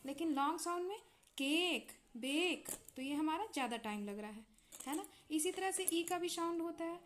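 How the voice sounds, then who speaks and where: A woman with an Indian accent teaches English sounds in a high, clear voice. She talks patiently, repeats each example word and keeps checking that her students follow. A faint hiss sits under the recording. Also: animated, brisk. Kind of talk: explaining English phonics in Hindi.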